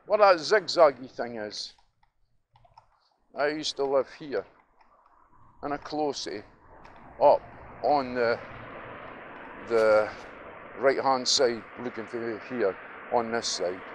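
Slow and given to frequent pauses, this medium-pitched Dundee vlogger with a local Scottish accent rambles over street noise while walking through the city. He's reminiscing, opinionated and emphatic, chuckling often, as passing vehicles fill the noisy outdoor audio.

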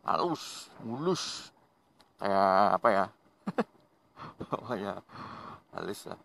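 A man's voice: lowish voice, slow pace, vocal fry. A man hosting a motorcycle vlog, chatting casually to viewers as he rides and laughing now and then. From Indonesia. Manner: relaxed, chatty, laughs often, addresses viewers as friends. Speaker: motovlog host. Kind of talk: casual riding commentary. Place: riding a motorbike outdoors on rural roads.

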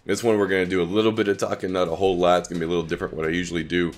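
A man's voice: sits low, very fast, faint music behind. Man with a scratchy sick voice. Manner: laid-back, reacts to plays, brief excited outbursts. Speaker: gaming YouTuber. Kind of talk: casual gameplay commentary.

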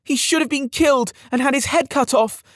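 A man voicing a spoiled young boy lord who cries and rages in a shrill, sobbing tantrum. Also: fairly quick, fairly bright tone, dry recording, studio quality. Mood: tearful rage. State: crying. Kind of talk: audiobook character voice.

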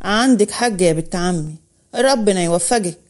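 A woman voicing a proud, jealous young Upper Egyptian man, speaking in a lowered, mocking tone with an Upper Egyptian accent. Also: normal speed, a little mellow, lightly acted. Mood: hurt. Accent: Upper Egyptian Arabic.

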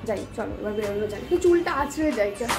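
A woman's voice: medium pitch, animated, rapid-fire. A young woman, chatting casually in a vlog as she gets ready and does her makeup, sounding tired. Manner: chatty, talks while doing her makeup. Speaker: vlogger. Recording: music playing underneath.

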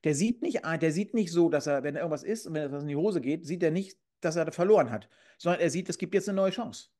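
A man's voice: a little high, expressive, fast, mellow. A middle-aged man co-hosting a casual comedic chat over a video call from home, blunt and crude as he tells stories. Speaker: co-host. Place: room at home, indoors. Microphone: video call webcam.

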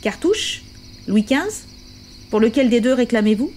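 Audiobook role: a humble old bishop, read by a woman, soft and measured, with a fairly high voice. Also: sing-song, a little hiss or hum. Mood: gentle. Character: gentle, humble elderly male bishop.

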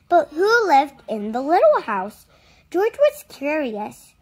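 A woman with a slightly high voice reads a children's picture book aloud, phrasing it deliberately and expressively in the manner of a storybook reader.

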